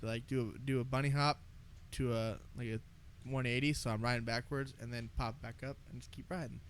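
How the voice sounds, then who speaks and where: A man's voice: medium pitch, fairly even intonation, brisk, clean tone. A young American man chatting casually and telling stories in a boisterous, sweary frat-bro way as a podcast co-host. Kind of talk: casual chat, storytelling.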